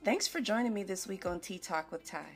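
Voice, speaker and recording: A woman's voice: mid-range voice, animated, a little fast, breathy edge, soft background music. A woman hosting a podcast, telling a personal story in a casual, chatty way, laughing often and checking in with the listener. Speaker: podcast host.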